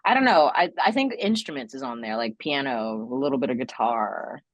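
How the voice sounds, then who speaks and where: A woman's voice: rumbling low, lively intonation, brisk, no echo, muffled recording. A woman guest in a casual podcast chat, talking playfully and rambling with frequent laughter.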